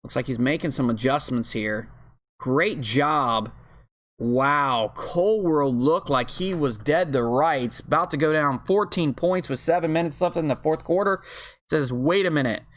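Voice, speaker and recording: Excitable man calling a football video game. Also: a little high, unhurried. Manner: excitable, bursts into loud yells on big plays; chatty and informal, with fillers and slang. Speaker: league host and game commentator. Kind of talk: casual play-by-play commentary of a football video game. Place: at home, with family in the room above.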